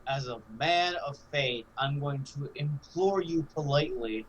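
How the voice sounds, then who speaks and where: A man voicing a calm, pious male cleric who speaks in a solemn, measured way in a tabletop game role-play. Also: on the high side, lo-fi sound, a little hiss or hum, natural voice.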